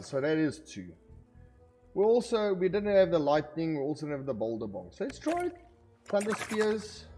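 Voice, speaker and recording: Man musing through a game run. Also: a little high. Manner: thinking aloud, lots of 'okay'. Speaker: gaming video creator. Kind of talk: casual let's-play commentary. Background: faint game music.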